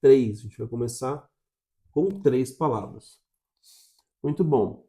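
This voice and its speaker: A man's voice: mid-range voice, slow pace, mellow. A Brazilian man teaching an English lesson straight to the camera, coaching viewers step by step and checking in with a constant "tá?". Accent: Brazilian Portuguese.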